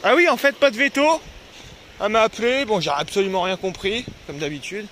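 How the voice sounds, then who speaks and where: A man's voice: high-pitched, a little fast, a bit bright, slight background noise. A young man casually vlogging outdoors by a river, chatting to viewers and to his dogs, cursing now and then. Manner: chatty, talks to his dogs, swears when annoyed. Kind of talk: casual travel vlog to camera.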